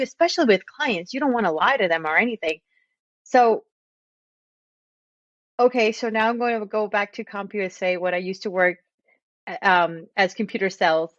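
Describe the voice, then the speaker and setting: A woman in her thirties from Texas and Puerto Rico, a realtor who hosts a podcast, tells stories about her life in a chatty monologue, laughing at herself. Her voice is medium-pitched and a bit bright, and the recording is lo-fi with no room sound.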